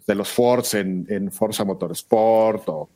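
A man's voice: fairly low pitch, takes it slowly, warm tone. A man with a Mexican accent hosting a casual chat, speaking colloquially and a little hesitantly as he meanders through his thoughts. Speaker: host.

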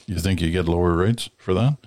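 A man with a very deep voice hosts a talk show. He reads listener letters and chats loosely, filling pauses with ums and poking fun at himself. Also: a little mellow. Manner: self-deprecating, chatty, with fillers. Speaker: podcast host. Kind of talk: casual show hosting, reading listener letters.

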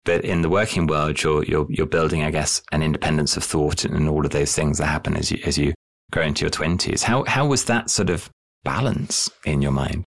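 A man's voice: extremely low pitch, brisk, gravelly. A man hosting a podcast, asking thoughtful questions and repeating words as he forms them. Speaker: podcast host. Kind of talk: interview questions.

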